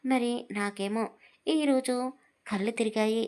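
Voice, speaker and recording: A woman's voice: fairly high pitch, measured pace, darkish tone, lightly acted. A woman voicing an innocent, childlike young bride who asks wide-eyed, pleading questions. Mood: naive.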